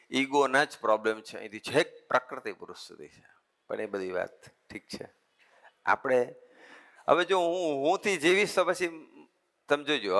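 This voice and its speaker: Man, monk, conversational sermon, folksy lists, middle pitch, long hall reverb. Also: fairly bright tone. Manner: folksy, repeats points in lists. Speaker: monk giving a discourse. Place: assembly hall.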